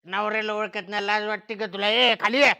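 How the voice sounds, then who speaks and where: A woman's voice: medium pitch, steady tone, fairly quick, vocal fry, sharp tone. A woman acting a stubborn drunk village husband, slurring and groaning as he insists. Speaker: comic actor.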